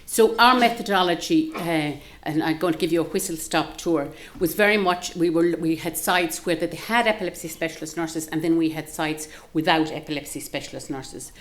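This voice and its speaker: A woman's voice: low-pitched, normal speed, few pauses. A woman with a Galway, west of Ireland accent giving a live research presentation in a discursive, explanatory way. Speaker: academic researcher presenting a study.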